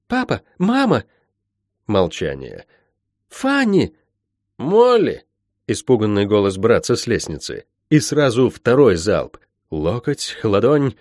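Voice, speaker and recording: A man reading an audiobook aloud in expressive, dramatic scripted narration. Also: medium pitch, no room sound, studio quality. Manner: dramatic, varied delivery. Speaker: audiobook reader.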